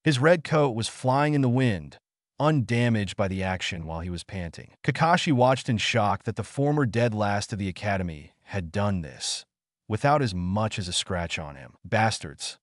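A man reading a fan fiction story aloud in a steady storytelling manner. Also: on the low side, normal speed, no room sound, clean studio sound. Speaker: narrator. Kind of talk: scripted fan fiction narration.

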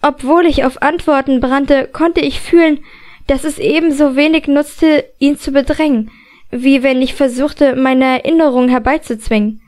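A woman reading a first-person fantasy audiobook, asking questions in a lively, inquisitive way. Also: high-pitched, moderate pace. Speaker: audiobook narrator.

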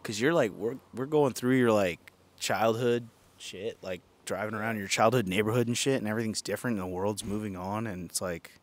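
Speaking briskly in a fairly low voice, the young-adult host of a casual comedy podcast, a man in his thirties, records on a backyard patio with a handheld mic. He's lively and foul-mouthed, bursting now and then into silly mock singing.

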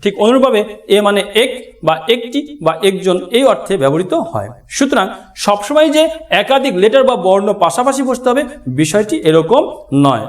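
A male teacher with a Bangladeshi Bengali accent, giving a classroom grammar lesson, addressing his students directly and slowly spelling out example words. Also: sits high. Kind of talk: classroom lesson explaining at a board.

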